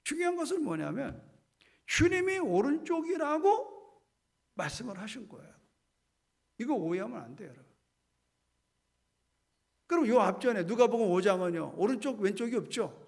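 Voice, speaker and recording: A middle-aged man preaching a sermon as pastor. He acts out Bible dialogue and swings between loud lines and hushed ones. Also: extremely high pitch, sing-song, moderate pace, vocal fry, pauses often.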